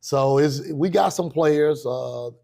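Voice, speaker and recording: A man's voice: on the high side, slow, gravelly, warm tone. An American man, a basketball coach, answering casually in a sports interview and repeating phrases as he thinks.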